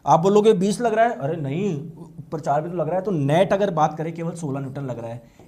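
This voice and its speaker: High-voiced male lecturer. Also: a little mellow. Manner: asks the class questions and acts out students' replies. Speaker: teacher. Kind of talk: classroom lecture.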